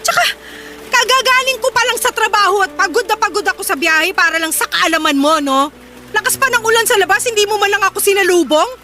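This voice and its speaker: An actress playing a tired working mother in a radio drama, scolding and sarcastic as she shouts at her partner. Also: extremely high pitch, fast. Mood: angry scolding. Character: sharp-tongued working mother, exhausted and scolding. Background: music bed.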